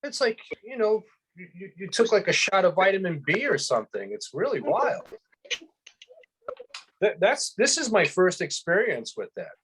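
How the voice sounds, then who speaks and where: Excited rambling man sharing his experience. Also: sits high, normal speed, slight background noise. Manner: excited, rambling, many restarts and fillers. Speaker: guest. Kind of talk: casual chat, personal testimony.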